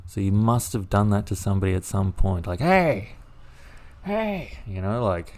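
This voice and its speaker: A man co-hosting a podcast, musing in a halting casual chat with many restarts. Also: low voice, fairly even intonation, warm tone. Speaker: podcast co-host.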